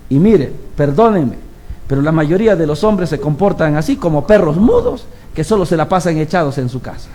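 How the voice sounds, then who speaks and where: A man preaching a sermon, telling stories animatedly, acting out the people he quotes and putting rhetorical questions to the congregation. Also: high-pitched. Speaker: lay preacher.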